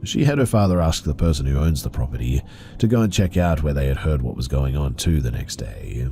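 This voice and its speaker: Male horror narrator, extremely deep and mellow, calm scripted read. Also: fairly quick, creaky, a little hiss or hum. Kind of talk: scripted narration of reader-submitted stories.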